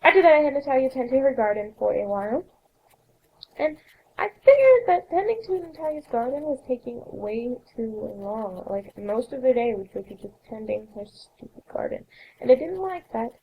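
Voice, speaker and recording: A young woman hosting a let's play, chatting through her gameplay with a raspy voice that has a cold in it and a rambling way of correcting herself. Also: high-pitched, sing-song, normal speed, phone-quality sound. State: coughing, sore throat. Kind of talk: casual gameplay narration.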